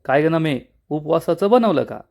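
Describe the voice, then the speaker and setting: A man's voice: on the high side, lively intonation, normal speed, gravelly, darkish tone. A man voicing an angry, strict middle-aged village mother scolding her daughter. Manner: scolding, harsh.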